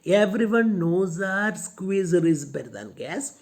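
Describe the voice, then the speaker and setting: A woman voicing a sharp-tongued, stubborn young woman while reading a play aloud for a class. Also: on the low side, very animated, measured pace, breathy edge, voice pushed up, heavily acted. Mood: defiant.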